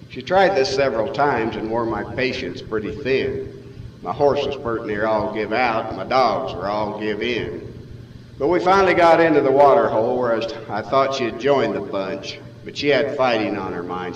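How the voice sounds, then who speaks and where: Echoey cowboy poet, American West drawl. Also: male voice, fairly low pitch, muffled recording. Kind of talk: reciting rhymed cowboy poetry as live storytelling. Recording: echoey hall from far off, faint noise.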